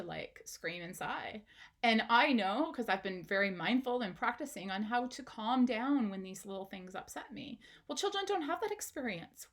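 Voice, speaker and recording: A woman, a parenting educator, giving an instructional talk straight to the viewer, asking questions and encouraging them. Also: on the high side.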